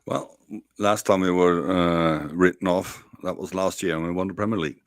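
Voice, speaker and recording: A man's voice: low voice, steady tone, moderate pace, no room sound, studio quality. A man hosting a casual football chat, asking long questions with many hesitations. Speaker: podcast host.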